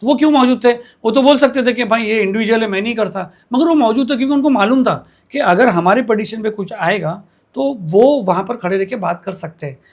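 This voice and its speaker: In an animated news channel interview, a man argues his point insistently, cutting in and repeating phrases for emphasis. He speaks fairly quickly in a high voice.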